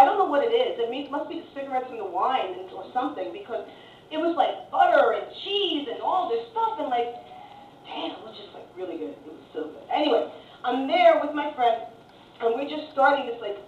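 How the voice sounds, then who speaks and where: High-voiced American woman doing stand-up. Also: a little hiss or hum. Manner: chatty, profane, animated. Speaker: stand-up comedian. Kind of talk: stand-up storytelling. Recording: distant roomy dull live recording.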